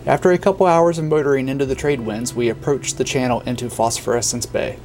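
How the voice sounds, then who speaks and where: A middle-aged man reading a calm, matter-of-fact narration of a sailing trip. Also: mid-range voice, fast talker, music in the background. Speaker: sailing vlogger. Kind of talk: scripted voice-over narration.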